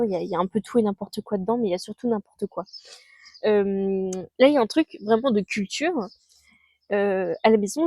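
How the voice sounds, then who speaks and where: A woman's voice: mid-range voice, a little mellow, no echo, clean studio sound. A woman in her twenties recording a casual recap vlog outdoors. She is chatty and scattered, using youthful slang and lots of fillers. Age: 20s. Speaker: vlogger. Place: outdoors under a tree.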